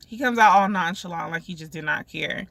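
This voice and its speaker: A woman's voice: on the low side, a little fast, vocal fry, no room sound. A woman vlogger telling a frustrating restaurant story in casual chat, acting out what each person said. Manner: animated retelling, acts out quoted lines.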